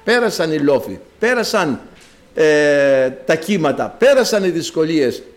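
A man's voice: on the high side, very animated. A man preaching a sermon, emphatic and repetitive, reading scripture passages aloud. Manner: emphatic, repeats phrases, reads scripture in archaic Greek.

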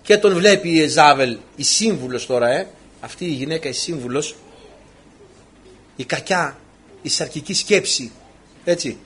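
A man's voice: fairly high pitch, lively intonation, long pauses, fairly bright tone, a little hiss or hum. A man preaching a sermon, retelling old stories with animation and acting out the lines of the people in them.

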